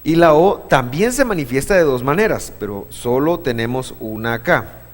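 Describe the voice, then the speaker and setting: A man teaching a church class, patient, asking the room questions, with many halting restarts. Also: mid-range voice, lively intonation. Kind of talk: classroom lesson on Hebrew vowels. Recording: long hall reverb.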